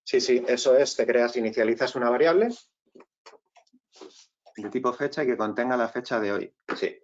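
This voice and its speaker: A man's voice: medium pitch, normal speed, highs cut off. Man from Spain teaching a webinar. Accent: Spain Spanish. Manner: explains step by step, keeps checking in with "vale". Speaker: webinar presenter. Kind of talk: online tech tutorial.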